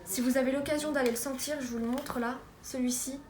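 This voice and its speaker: A young woman with a slightly high voice chats casually through a beauty haul, full of fillers and trailing restarts. She is recorded at home in an echoey room with a steady noise behind her. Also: quick pace. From France. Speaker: beauty vlogger.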